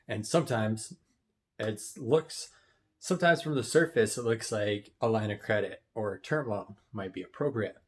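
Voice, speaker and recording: A man with a fairly low voice shares casual motivational advice as a business financing coach. He speaks to camera in a conversational way, keeps checking in with "right?", and clears his throat now and then. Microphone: wearing headphones.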